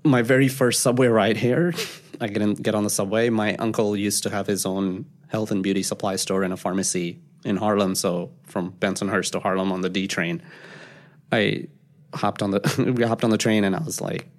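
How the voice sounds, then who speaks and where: Low-voiced man. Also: moderate pace. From Pakistan. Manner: animated storyteller, acts out quoted voices. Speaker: podcast guest. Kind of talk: casual storytelling interview.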